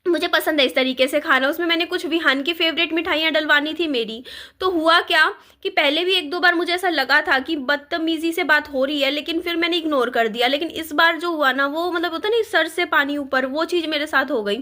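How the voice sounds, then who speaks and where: A woman's voice: high-pitched, fairly quick, bright, forceful tone. A woman, telling an indignant storytime vlog with many fillers. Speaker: vlogger.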